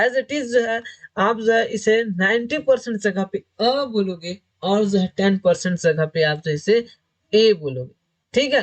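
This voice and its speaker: A male English teacher walks students through grammar for an exam, restating every rule again and again. He leans on filler phrases between points, keeping a steady teaching flow. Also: sits high. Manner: repetitive, explains each point several times over. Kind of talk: exam-prep grammar lesson.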